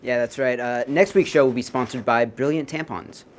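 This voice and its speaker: Deadpan young man hosting a comedy show. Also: medium pitch, normal speed, a little hiss or hum. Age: young adult. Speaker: host of a student comedy talk show.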